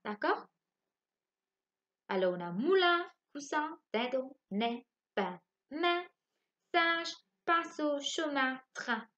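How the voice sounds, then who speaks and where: A woman teaching a phonics lesson to young children from home. She spells out letters slowly and keeps asking the class if they follow. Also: high voice, expressive, fairly bright tone, highs cut off. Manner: slow, spelling out letters and asking checking questions. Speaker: primary school teacher.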